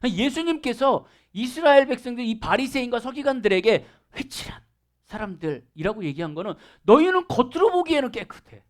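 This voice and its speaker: A man's voice: extremely high pitch, sing-song, fairly quick. A man pastor preaching a sermon at a church worship service, asking the congregation questions and acting out dialogue.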